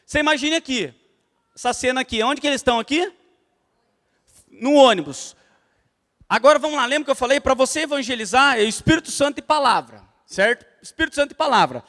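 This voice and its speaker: Brief: Brazilian man leading a church class, strikingly high voice, lively storyteller, long church-hall reverb. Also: fast. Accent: Brazilian Portuguese. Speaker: church evangelism teacher.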